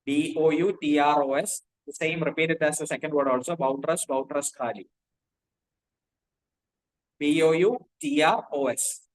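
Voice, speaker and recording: Indian English male tutor, slightly high voice, dictates and spells each word for students to copy. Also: steady tone, moderate pace, rough recording. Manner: spells words out letter by letter, repeats himself. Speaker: teacher. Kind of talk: classroom lecture dictating notes.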